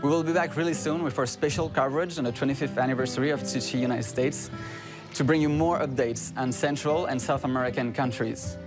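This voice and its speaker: A man's voice: medium pitch, brisk. A man presenting a documentary news program, giving a formal scripted sign-off from on location. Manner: steady, formal delivery. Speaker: reporter and presenter. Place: on location abroad. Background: guitar music.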